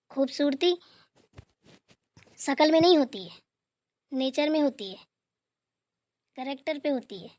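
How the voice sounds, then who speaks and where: A woman's voice: sits high, dry recording, close to an everyday voice. A woman voicing a strict middle-aged mother in a cartoon who lectures her daughter and mother-in-law. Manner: lecturing, preachy.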